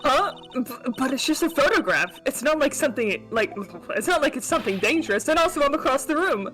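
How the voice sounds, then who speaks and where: A woman plays a female defense attorney in a comic courtroom game read-along. Her voice is fairly high and self-assured, tipping into flustered protest. Faint music runs beneath. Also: lively intonation, a little fast, a bit bright, low-quality recording.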